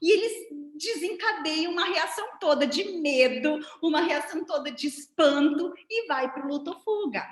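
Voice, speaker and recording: A woman with a Brazilian Portuguese accent teaches a seminar over a video call and walks her listeners through each point step by step. Her pitch sits a little high and swings in a lively way. Her voice rings with a noticeable room echo. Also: moderate pace, hardly any pauses. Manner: didactic, animated, demonstrating with her hands. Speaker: seminar lecturer. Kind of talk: online lecture. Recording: roomy echo.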